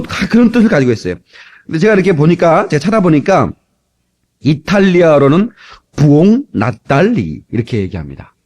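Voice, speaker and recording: A man from Korea preaching a sermon as pastor, lively and humorous with frequent asides to the congregation, recorded on an old cassette tape. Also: on the high side.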